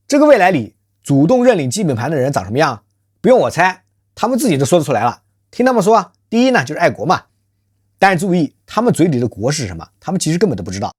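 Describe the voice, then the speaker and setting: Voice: mid-range voice, big pitch swings, fast, slightly rough, dry recording, studio quality. A channel host delivering a scripted social commentary monologue, rhetorical and emphatic, often posing questions to listeners. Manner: calls self by nickname in third person.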